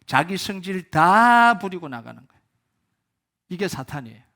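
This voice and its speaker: A male pastor delivers a sermon in a church at a Friday prayer meeting. His voice sits high for a man, and he preaches with animated swings, climbing to loud emphatic peaks and then dropping to low, hushed asides. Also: moderate pace. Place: church sanctuary.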